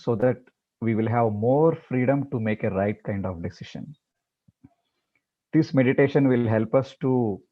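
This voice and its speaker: A man teaching a meditation class, talking in a halting way with many repeated words and fillers before leading the practice. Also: mid-range voice, dull audio. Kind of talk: talk before guided meditation.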